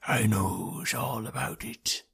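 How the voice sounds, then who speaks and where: Man putting on a wheezing old sailor, gravelly and stubborn. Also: lowish voice, expressive, a bit bright, heavily acted. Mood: petulant. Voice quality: gravelly, breathy, slow. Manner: petulant, obstinate, halting. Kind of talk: audiobook character reading.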